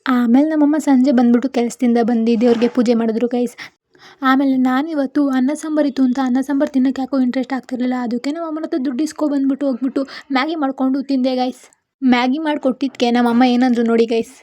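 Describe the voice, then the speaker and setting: A woman's voice: sits high, fairly even intonation, rapid-fire, dark tone. A young woman narrating her daily vlog in a chatty way, often turning to her viewers. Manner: chatty, keeps addressing viewers as guys. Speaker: vlogger.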